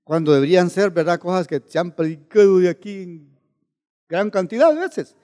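A man's voice: high-pitched, normal speed, mellow, long reverb tail. A male preacher delivering a sermon and questioning his listeners over and over. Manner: questioning the congregation with repeated tag questions.

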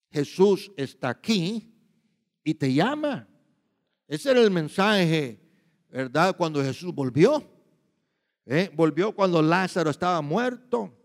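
A man preaching a sermon in emphatic bursts, often repeating himself and checking with listeners. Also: on the high side. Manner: emphatic, shifts between loud and quiet. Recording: long hall reverb.

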